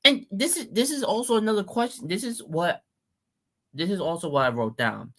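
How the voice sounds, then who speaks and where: A man's voice: high voice, animated, moderate pace, bright, forceful tone. A man on a live-stream panel, ranting in a blunt, crude and scolding way, with mocking asides.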